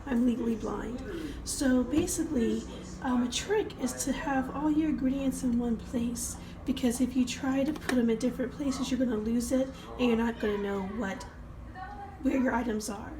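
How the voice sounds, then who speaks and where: A woman with a cold talks casually to her vlog viewers in a fairly high voice. She explains each step while her hands are busy in her home kitchen. Noise is clearly audible behind her. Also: moderate pace, echoey room. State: has a cold. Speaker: vlogger showing a cooking routine. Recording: noisy home kitchen recording.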